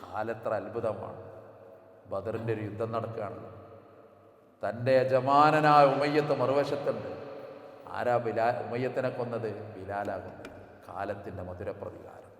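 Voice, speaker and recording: A man giving a Ramadan sermon. He drops into quiet low asides, then rises into slow melodic chanting. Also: fairly even intonation. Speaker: preacher. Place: large mosque hall. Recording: echoey hall with long reverb.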